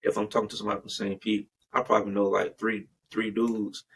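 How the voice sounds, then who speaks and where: A man's voice: fairly low pitch, level tone, fast, a bit bright, a little hiss or hum, low-quality recording. A man hosting a casual podcast, slangy and rambling, with many restarts. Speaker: podcast host.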